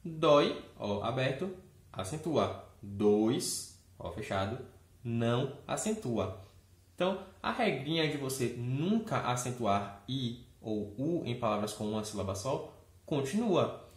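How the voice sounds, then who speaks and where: A man's voice: medium pitch, animated, measured pace. A man teaching grammar in a video lesson, talking in a chatty, upbeat way and often checking in with the viewer. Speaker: Portuguese teacher. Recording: echoey room.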